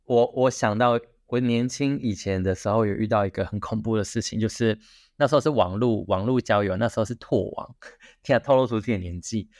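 A man from Taiwan, co-hosting a casual podcast and reacting with quick exclamations. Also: fairly low pitch, darkish tone, no room sound, studio quality. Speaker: co-host.

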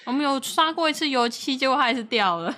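A woman co-hosts a casual podcast, chiming in with short remarks. Her voice sits high and sounds bright. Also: lively intonation, fast talker. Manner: chimes in with short agreeing remarks. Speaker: podcast co-host. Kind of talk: casual chat.

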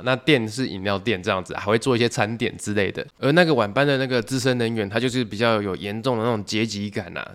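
A man with a Taiwanese Mandarin accent hosting a podcast, telling anecdotes in casual talk and acting out what other people said. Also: fairly low pitch. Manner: lively anecdotes, acting out quoted voices. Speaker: podcast host. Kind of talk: casual storytelling monologue.

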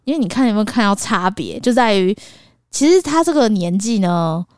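A woman's voice: mid-range voice, lively intonation, a little fast, darkish tone, clear, resonant tone, no room sound, studio quality. A woman co-hosting a casual podcast, a mother explaining her views on raising a toddler and acting out playful scenes. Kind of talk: casual chat.

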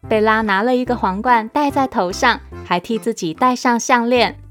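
A woman reads a children's story aloud, lively and expressive. Her voice sits a little high, with soft music faint in the background. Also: normal speed.

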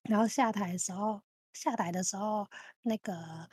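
A woman in her thirties, co-hosting a podcast, tells an animated story with plenty of repeated phrases. Her voice is husky and a little breathy. The recording is dry and close. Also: medium pitch, moderate pace, dry recording. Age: 30s. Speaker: podcast co-host. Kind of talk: casual chat.

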